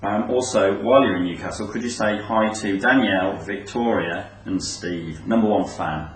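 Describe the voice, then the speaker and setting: A man's voice: on the low side, moderate pace. A man hosting a webcast who reads out fan questions hesitantly, with many ums and uhs. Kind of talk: interview. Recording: echoey room from far off.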